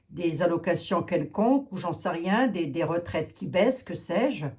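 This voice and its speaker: A woman's voice: lowish voice, a little mellow. A woman giving a casual tarot reading to her viewers, thinking aloud with many fillers and asides. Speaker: tarot reader.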